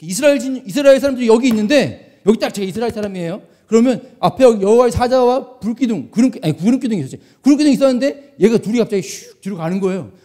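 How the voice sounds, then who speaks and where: A man preaching a sermon to young people, telling a story with animated energy and asking the crowd questions. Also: extremely high pitch, racing, few pauses. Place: church meeting hall.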